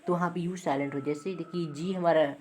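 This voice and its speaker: Woman teacher, very low voice, repeats points often, faint room noise. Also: fairly even intonation, a little fast. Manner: repeats points, checks in with "ठीक है". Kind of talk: classroom lesson.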